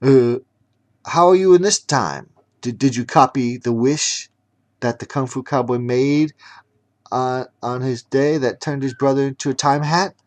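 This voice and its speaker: A man voicing a young heroine girl who stammers and shouts accusations in a storybook reading. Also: mid-range voice, unhurried, voice pushed up, lightly acted. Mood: questioning.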